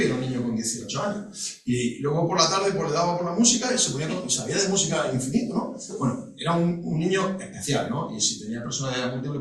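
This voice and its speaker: A middle-aged man tells a personal story to a live audience, halting and restarting often. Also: mid-range voice. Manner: halting, with many restarts and asides. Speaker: guest speaker at a panel talk. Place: large echoey hall. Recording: echoey hall, voice far from mic.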